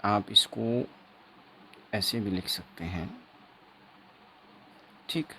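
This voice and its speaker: A man teaching an exam-prep phonetics lesson, explaining slowly and repeating himself, writing on a board as he talks, with Indian English words. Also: on the low side, very animated, gravelly, bright, forceful tone, a little hiss or hum. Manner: slow, repetitive teaching with frequent checks; writes on a board while talking.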